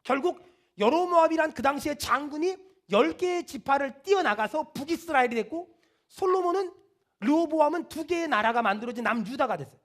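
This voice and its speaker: A man's voice: extremely high pitch, a little fast. A male pastor preaching a sermon, leading the congregation to repeat after him. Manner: animated preaching with call-and-response.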